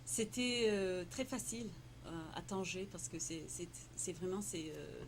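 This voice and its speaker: Unhurried and expressive in a lowish voice, a Tamil-speaking entrepreneur who grew up in Morocco answers in French during a casual, noisy interview. She is hesitant, full of fillers and repeated words, restarting often and laughing frequently.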